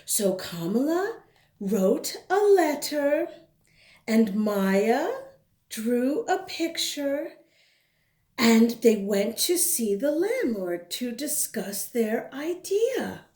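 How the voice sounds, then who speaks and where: A woman host reads aloud for children in an expressive, conversational style. Her voice is highish and takes its time, with lots of melody, recorded in an echoey room. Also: extremely slow. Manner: expressive, conversational asides to young viewers. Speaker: storybook reader, host. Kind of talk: animated read-aloud for children. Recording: roomy indoor echo.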